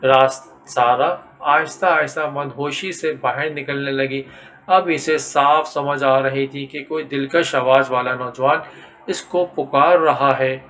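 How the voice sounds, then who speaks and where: A man narrating a scripted horror story in a steady, dramatic storytelling manner. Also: medium pitch.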